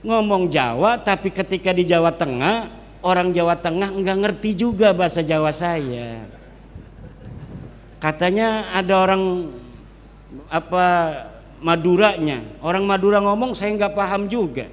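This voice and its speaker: Man, cleric lecturing in a large hall, high voice, joking, long hall echo. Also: unhurried. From Banten, Indonesia. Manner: joking, lively, drops into regional dialects. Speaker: Islamic cleric speaking at a public gathering. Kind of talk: public religious lecture.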